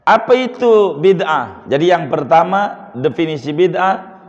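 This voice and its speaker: Lively preacher man, echoing hall. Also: a little high, unhurried. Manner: lively, teasing, asks the audience questions. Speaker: Islamic preacher. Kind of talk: religious lecture. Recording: dull lo-fi sound in a reverberant hall.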